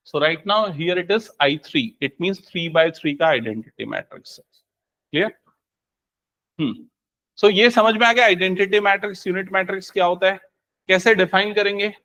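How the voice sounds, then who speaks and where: A young man teaches maths to a class. He has a high, bright voice and keeps quizzing his students, then answers his own questions. He slips English terms into Hindi as he goes. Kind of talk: live classroom lesson.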